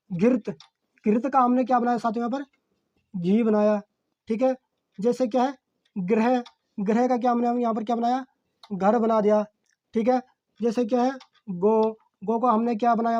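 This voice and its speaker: A man's voice: very high voice, darkish tone, muffled recording. A male teacher giving an exam-prep grammar lesson, repeating key phrases and posing rhetorical questions that he answers himself, with frequent "okay, friends" fillers. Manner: fills pauses with "okay, friends".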